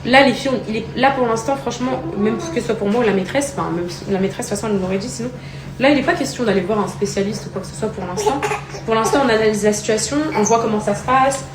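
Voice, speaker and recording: A young woman vlogging casually at home. She talks in a chatty, rambling way and gently coaxes her child. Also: fairly high pitch, fast. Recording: echoey room, distant mic, noisy.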